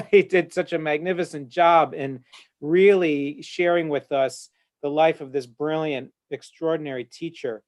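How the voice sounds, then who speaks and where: Over a video call from his home office, a man takes part in a discussion panel as a rabbi, earnest and eloquent though he drops in plenty of "uh"s. His voice sits a little high, with a steady tone and a slightly slow delivery.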